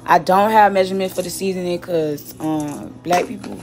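A cooking vlogger, young and from Miami, talks casually and slangily in a fairly low voice at normal speed while prepping fish at home. She repeats words as she cooks, and the background is noisy.

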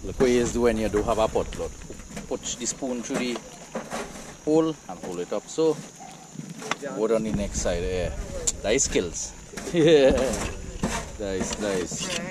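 A man's voice: on the low side, expressive, a little slow, pauses often, background noise. A Trinidadian man casually narrating a nighttime outdoor cookout vlog for the camera, easygoing and chatty, laughing often. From Trinidad and Tobago. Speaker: vlogger.

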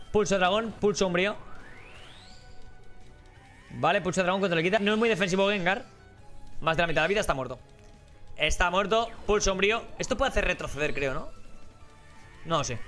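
A man's voice: high voice, bright, forceful tone. A man giving casual, rambling gameplay commentary as a let's play host, joking and swearing casually.

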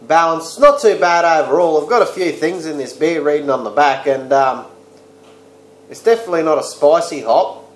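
A man's voice: fairly high pitch, moderate pace. A man in his thirties with an Australian accent, rambling his way through a casual beer review with crude slang, recorded indoors on a webcam. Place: small room indoors. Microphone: webcam or laptop mic close up. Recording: echoey room.

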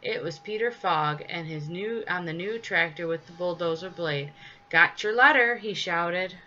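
Woman storybook reader, measured and expressive, slightly dull recording. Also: lowish voice. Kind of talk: reading a children's story aloud. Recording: slightly dull with faint hiss.

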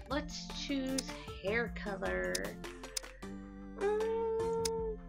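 A woman hosting a let's play video, reacting excitedly with gasps and giggles. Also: fairly high pitch. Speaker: gaming channel host. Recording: game music playing behind.

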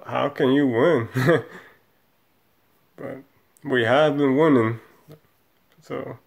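Slow, gravelly man ranting about football. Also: medium pitch. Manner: profane, frustrated, rambling. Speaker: sports fan vlogger. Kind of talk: casual post-game rant. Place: small room indoors.

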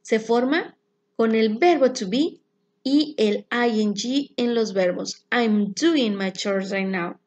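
A woman teaching an English grammar lesson, explaining rules slowly and clearly and reading example sentences. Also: a little high, a little mellow. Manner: clear, slow explanations with spelled-out endings.

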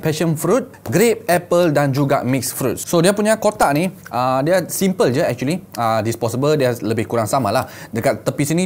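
A man's voice: mid-range voice, darkish tone. Malaysian man doing a casual product review. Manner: colloquial, repeats phrases, talks to viewers as 'guys' and 'gang'. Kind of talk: casual unboxing and review vlog. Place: small indoor room set up as a gaming studio.

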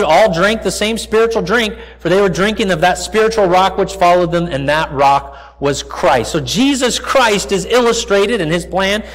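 High-pitched and captured on poor-quality audio, a middle-aged American pastor preaches a sermon from the stage of a large church sanctuary. He's conversational and explanatory, frequently breaking off to speak directly to his listeners.

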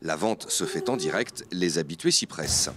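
A man reading scripted news narration as a reporter, with an expressive delivery. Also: low-pitched, normal speed.

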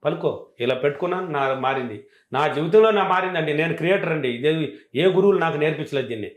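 A man's voice: a little high, animated, quick pace, roomy sound. A man teaching self-help affirmations, answering interview questions in a self-assured, emphatic and repetitive way.

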